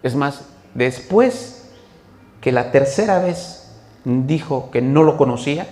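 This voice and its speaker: Brief: male pastor, animated sermon, swinging pitch, roomy church reverb. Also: slow. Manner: animated storytelling, acts out quoted speech. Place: church hall. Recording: echoey church hall.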